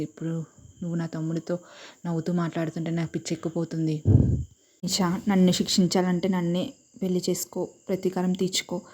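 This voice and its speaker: Low, flat-voiced woman narrating a story. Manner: reads every character's lines in her own voice.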